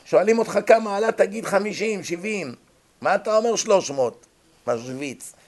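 Rabbi lecturing, lively teaching voice that jumps between characters, fairly high for a man. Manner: animated, acts out little scenes in other voices. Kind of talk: Torah lecture. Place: abroad, in America.

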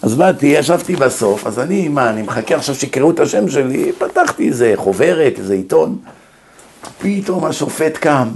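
A man giving a sermon-style Torah lesson to a class, lecturing in an animated way, with humorous scolding and stories. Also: medium pitch, a little hiss or hum. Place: class in Brooklyn.

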